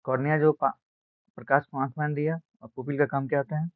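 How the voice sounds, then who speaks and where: A man teaching an exam-prep science lesson, speaking slowly and repeating key words, asking questions and answering them himself. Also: a little high, level tone, no room sound. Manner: slow, repetitive, asks and answers own questions. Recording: dry, phone-like narrow sound.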